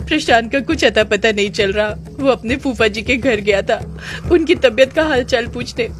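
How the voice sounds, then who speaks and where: A woman's voice: fairly high pitch, normal speed, lightly acted. A woman voicing a distraught young wife who cries and pleads as she searches for her missing husband. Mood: tearful, anxious. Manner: pleading, anxious. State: crying. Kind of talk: audio drama narration. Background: background music.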